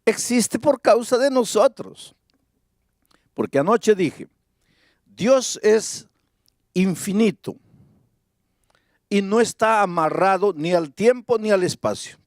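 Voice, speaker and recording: A man preaching a sermon, reading scripture aloud and posing rhetorical questions in a slow, deliberate manner. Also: high voice, expressive, no room sound, studio quality. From Peru. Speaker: pastor. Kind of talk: evangelistic sermon. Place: large evangelistic campaign venue.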